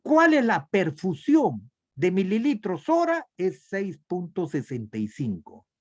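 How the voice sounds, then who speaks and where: Slow, lively Peruvian teacher on a video call. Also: male voice, sits high. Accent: Peruvian Spanish. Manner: asks questions and answers them himself, step by step. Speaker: nursing instructor. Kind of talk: online class lecture.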